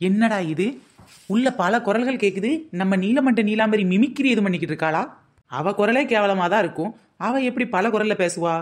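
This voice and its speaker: A woman's voice: medium pitch, a little fast. A woman trading gossipy, defensive banter in a comedy skit. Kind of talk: comic village-gossip skit.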